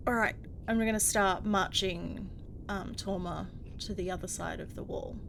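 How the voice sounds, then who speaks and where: A woman's voice: mid-range voice, fairly even intonation, moderate pace, creaky. Woman player in a tabletop game, chill, says like a lot, faint noise in back. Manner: casual, describes actions with many fillers. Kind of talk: casual tabletop play.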